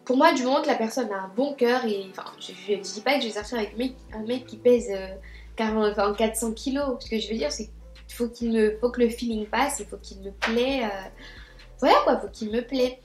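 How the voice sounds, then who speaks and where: A young woman telling a storytime vlog in a chatty, animated way, full of fillers and restarts. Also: a little high, fairly quick, soft background music. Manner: chatty and animated, many fillers and restarts, acts out her own quoted lines. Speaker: beauty vlogger telling a story. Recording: echoey room.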